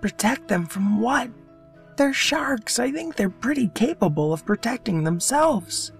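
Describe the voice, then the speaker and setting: A man's voice: a little slow, vocal fry, soft background music, exaggerated voice. A man doing an eager little fish boy. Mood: pleading. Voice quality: high, excited and earnest.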